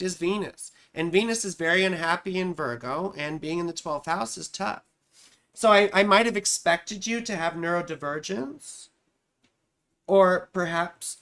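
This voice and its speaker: On a live stream, a chatty astrologer gives casual chart readings, speaking straight to her viewers and often repeating her own phrases. Her medium-pitched voice is a bit bright with vocal fry.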